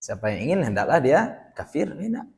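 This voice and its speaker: A man's voice: mid-range voice, sing-song, fast talker, gravelly, a little mellow. A young man, teaching a classical Islamic text study as a teacher, reciting Arabic passages and throwing rhetorical questions at the class.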